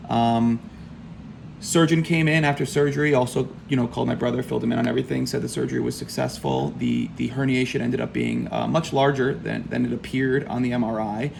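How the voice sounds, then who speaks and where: Man with very gravelly, creaky voice. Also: medium pitch, brisk, a little mellow. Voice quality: gravelly, heavy vocal fry. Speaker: patient recounting his back surgery. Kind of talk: casual first-person video diary. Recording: faint background room noise.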